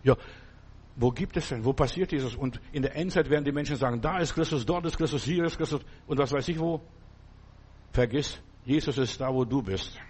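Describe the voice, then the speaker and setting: A pastor preaching a sermon, speaking fervently and directly to the listener, telling stories in a loose, restarting way. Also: male voice, mid-range voice, fairly quick, a little mellow, husky. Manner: loose, storytelling delivery with restarts.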